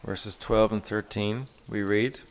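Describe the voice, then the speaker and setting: A man as pastor, reading scripture and preaching with measured emphasis at a church service. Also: fairly low pitch, fairly even intonation.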